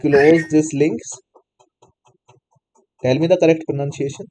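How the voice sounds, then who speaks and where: Male instructor, slightly high voice, mellow tone, coaxing answers from a class. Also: fairly even intonation, a little slow, rough recording. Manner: prompts students repeatedly, non-native English phrasing. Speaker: programming teacher. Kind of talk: live online class, questioning students.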